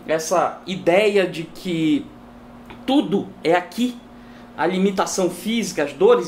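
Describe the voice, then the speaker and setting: A woman's voice: mid-range voice, a little hiss or hum. A woman teaching guitar in a casual video lesson, chatting and tagging her sentences with a questioning "né?" while she demonstrates on the guitar at home.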